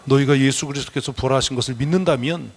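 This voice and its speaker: A man's voice: medium pitch, fast talker, breathy edge. A male pastor preaching a Sunday sermon in a church, blunt and scolding, calling on the congregation to answer amen. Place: church sanctuary.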